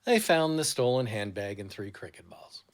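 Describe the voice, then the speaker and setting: A man's voice: medium pitch, big pitch swings, normal speed. A man co-hosting a podcast, reading odd crime news stories aloud and laughing often. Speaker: podcast co-host.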